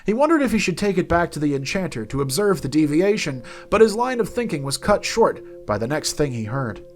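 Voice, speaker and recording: A man reading a fantasy story aloud as narrator, in an expressive, soft-spoken way. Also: fairly high pitch, brisk, soft background music. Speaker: narrator and game company host.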